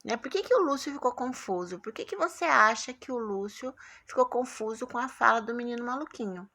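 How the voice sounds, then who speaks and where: A woman's voice: fairly high pitch, expressive, a little fast, bright, forceful tone. A woman with a Brazilian Portuguese accent teaching a primary school class in a recorded remote lesson, patient and coaxing, checking in often with her pupils.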